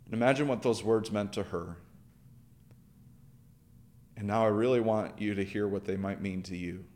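A man's voice: lowish voice, normal speed, a little mellow. A man preaching a sermon, earnest, building through repeated phrases and questions. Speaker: pastor.

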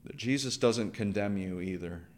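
A man's voice: on the low side, normal speed. A man preaching a sermon, earnest, building through repeated phrases and questions. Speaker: pastor.

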